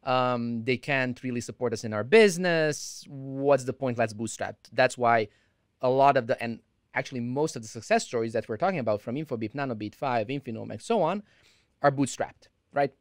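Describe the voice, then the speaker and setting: A man's voice: medium pitch, moderate pace, no echo, studio quality. A man hosting a podcast interview, asking long conversational questions. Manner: conversational, rambling questions with restarts. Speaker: podcast host.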